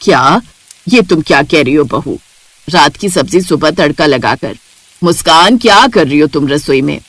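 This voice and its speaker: A woman voicing a stern older mother-in-law in a cartoon, speaking low and commanding. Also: expressive, normal speed, no room sound. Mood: annoyed.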